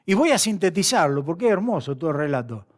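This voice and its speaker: High-voiced impassioned male preacher. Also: very animated. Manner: impassioned, pleading, slows for emphasis; retells a story with quoted dialogue. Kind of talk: sermon. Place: church.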